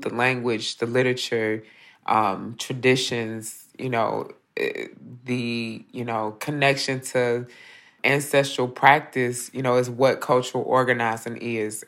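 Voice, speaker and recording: Thoughtful woman organizer. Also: extremely low pitch. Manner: thoughtful, with many fillers. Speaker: interviewee, organizer. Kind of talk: reflective explanation.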